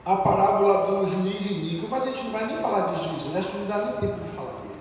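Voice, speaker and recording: A man's voice: high-pitched, lively intonation, quick pace, slight background noise. A man with a Brazilian Portuguese accent preaching a fervent sermon in a church and leading the congregation in call-and-response. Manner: fervent, leads call-and-response, bursts into shouts. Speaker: pastor. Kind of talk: lively sermon. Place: church hall. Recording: echoey hall, voice from far off.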